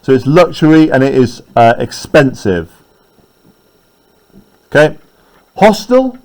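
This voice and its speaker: A man teaching a poetry class in a classroom, chatty and explanatory. He keeps checking in with his students as he goes, in a mid-pitched voice. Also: very animated, slow pace, a little mellow, poor audio. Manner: conversational, frequent tag questions.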